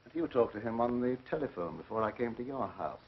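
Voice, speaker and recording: An actor playing a grandiose, resentful mad scientist in an old horror film, speaking formally and theatrically with menacing politeness. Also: male voice, medium pitch, expressive, quick pace, husky. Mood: scornful, menacing. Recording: muffled old film soundtrack.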